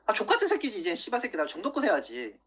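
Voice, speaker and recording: A political YouTuber in his thirties rants angrily on a livestream, swearing and lecturing viewers while repeatedly asking "예?". His voice sits high with huge pitch swings, moving at a quick pace with a fairly bright, breathy edge.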